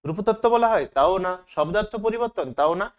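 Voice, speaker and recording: A man's voice: sits high, expressive, quick pace, clean tone, lo-fi sound. A man teaching as he works through exam questions, asking each question aloud and then answering it himself. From Bengal.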